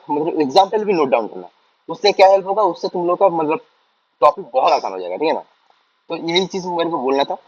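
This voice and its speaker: A man's voice: fairly high pitch, no echo. Chatty young male coding teacher on a call. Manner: chatty, full of fillers, checks in with students often. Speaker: programming teacher. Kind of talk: casual online class. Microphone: computer mic on a video call. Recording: slightly dull, dry online-call audio.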